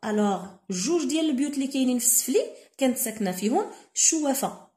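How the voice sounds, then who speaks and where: A woman with a Moroccan accent tutors students through a novel, reading each line slowly and then explaining it with many fillers. Her voice sits a little high and has a mellow tone. The sound rings with room echo. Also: animated. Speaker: French literature tutor. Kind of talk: code-switching lesson explaining a novel.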